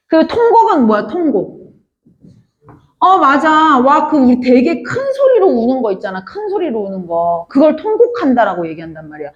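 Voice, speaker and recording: A woman teaches a literature class in a high, lively voice that jumps all over as she explains. She keeps turning to her students with quick questions to check that they follow. The sound is a bit muffled and lo-fi. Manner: addresses students often, asks many check questions. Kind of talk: classroom lecture.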